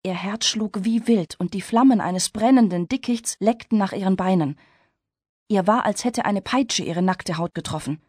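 A woman reading a story aloud in steady, measured scripted narration. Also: mid-range voice, husky, dry recording, clean studio sound. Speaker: audiobook narrator.

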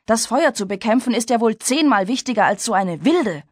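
A woman's voice: fairly high pitch, expressive, fairly quick, no echo, clean studio sound. A woman reading a story aloud, voicing a stubborn, dismissive young male farmhand in a firm, raised voice.

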